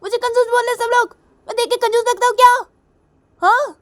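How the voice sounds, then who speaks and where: A woman voicing a hot-tempered young woman who shouts in outrage and repeats herself. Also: very high-pitched, steady tone, fairly quick, voice pushed up. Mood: indignant shouting.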